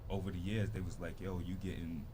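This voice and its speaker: A man's voice: low voice, fairly even intonation, a little fast, noisy background. A man from Barbados in his thirties, a rapper telling his story in a laid-back casual interview full of slang. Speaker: guest rapper.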